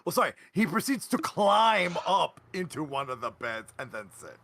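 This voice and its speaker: A man's voice: a little high, sing-song, moderate pace, fairly bright tone, dry recording. A man playing a tabletop game, playful and joking. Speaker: player. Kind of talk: tabletop role-play chat.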